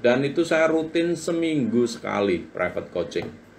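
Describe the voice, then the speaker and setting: With a sing-song lilt and no rush, a man in his forties speaks at a medium pitch while hosting a live-stream book talk. The business coach chats with viewers and motivationally reads their comments aloud, and a slight hiss or hum runs under the audio.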